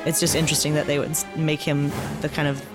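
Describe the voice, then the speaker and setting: A man muses aloud about a film in casual podcast talk. He pauses and searches for words as he goes. Music runs clearly behind him. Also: on the high side, level tone. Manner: thoughtful, halting.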